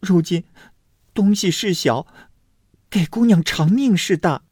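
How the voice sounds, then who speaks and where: A man voicing a composed young lady who speaks in a measured, persuasive way. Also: sits high, a little mellow, slightly rough, dry recording, clean studio sound, voice pushed up, exaggerated voice. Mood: calm.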